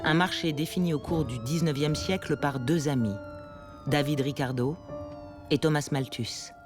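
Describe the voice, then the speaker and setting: A man reads documentary narration in a measured, explanatory way. His voice sits a little high. Clear music plays behind him throughout.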